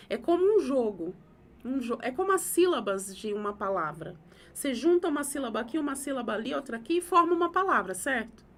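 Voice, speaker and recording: A woman's voice: high-pitched, slight background noise. A woman, hosting a live talk on emotions, emphatic and repeating phrases for effect. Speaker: host giving advice on emotions.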